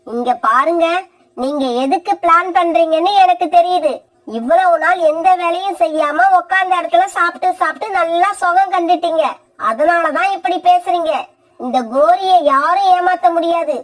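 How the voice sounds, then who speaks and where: Brief: woman as a high-voiced, sharp-tongued cartoon mother crow, scheming and harsh. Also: moderate pace. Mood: scolding. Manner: sharp-tongued, scolding, threatening. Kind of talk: cartoon voice acting.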